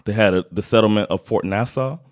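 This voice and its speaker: American guy goofing around telling history on a podcast, lowish voice, dry close mic. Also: fast, no room sound. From United States. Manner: joking, loose, laughs often. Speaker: podcast co-host and storyteller. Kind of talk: casual comedic history chat.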